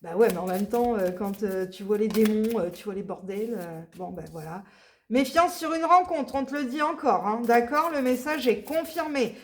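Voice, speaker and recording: A woman's voice: a little high, animated, normal speed, a little hiss or hum. A woman giving a casual spoken card reading, rambling with many fillers and blunt asides. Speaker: tarot reader.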